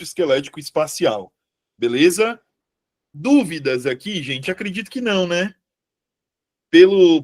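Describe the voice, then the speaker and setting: A man with a Brazilian Portuguese accent and a fairly high pitch leads a live exam-prep review class, chatting, checking in with students, and correcting himself out loud.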